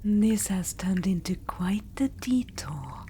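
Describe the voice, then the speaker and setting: Voicing an ancient witch-queen who is undead, vain and scheming, a woman whispers gently and slowly, condescendingly calling the listener darling. Her mid-range delivery is animated, sly and coaxing, with slight background noise in the ASMR roleplay.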